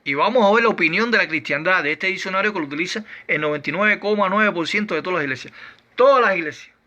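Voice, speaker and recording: A man giving a doctrinal Bible lesson, arguing point by point through numbered rhetorical questions in a slow, emphatic delivery. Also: high voice, pushed and bright, muffled recording. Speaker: Bible teacher.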